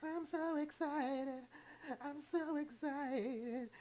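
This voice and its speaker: A man's voice: extremely high pitch, drawn-out words, a little mellow, pitched above the performer's own voice, full character voice, low-quality recording. A man squealing as a giddy teenage girl. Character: overexcited teenage girl sitcom character.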